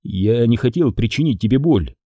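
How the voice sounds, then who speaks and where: A man reading an audiobook, voicing a calm, evasive young man who speaks slowly and hesitantly. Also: medium pitch, no room sound, close to an everyday voice. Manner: slow, hesitant.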